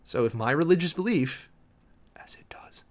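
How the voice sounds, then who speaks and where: Lively in intonation and somewhat high in pitch, a male streamer and preacher reads a document aloud and reacts to it. He mixes quick reading with halting, emphatic pauses and plenty of wry, sardonic commentary.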